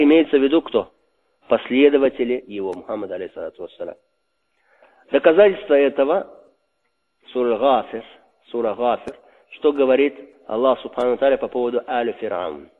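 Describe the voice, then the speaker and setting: A husky man teaches a religious lesson, posing questions to his listeners and answering them himself. His voice carries a long reverb and comes through a thin, phone-like line. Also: medium pitch. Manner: asks rhetorical questions and answers them, repeats key terms. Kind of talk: religious lesson explaining a text. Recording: reverberant hall over a tinny phone-like line.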